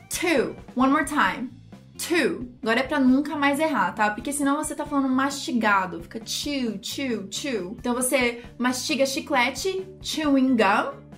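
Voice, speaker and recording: A woman with a Brazilian Portuguese accent, an upbeat English teacher giving a pronunciation lesson who slows down to model each word. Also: sits high, fairly bright tone.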